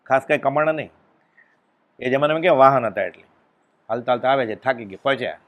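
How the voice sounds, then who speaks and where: A man giving a devotional discourse, telling a story and acting out its dialogue with sudden loud exclamations. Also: medium pitch, animated, quick pace. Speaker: spiritual discourse speaker.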